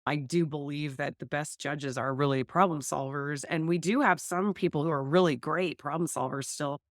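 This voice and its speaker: A woman's voice: low-pitched, steady tone, moderate pace, dry recording, studio quality. A woman hosting a family law podcast, talking earnestly and thinking aloud. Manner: earnest, thinks aloud with many 'like' and 'right'. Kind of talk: casual conversation.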